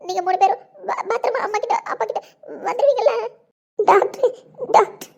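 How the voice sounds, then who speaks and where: A woman playing an emotional young pregnant woman who laughs and talks rapidly in a home video drama. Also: very high voice. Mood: overjoyed tearful.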